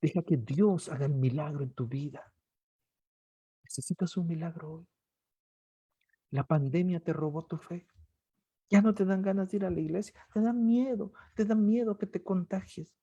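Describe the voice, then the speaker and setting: A male pastor with a Guatemalan accent preaching an impassioned sermon, swinging between soft pleading and loud cries. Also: high-pitched, normal speed, long pauses, husky, dry recording, dull audio. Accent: Guatemalan Spanish. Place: church service streamed online.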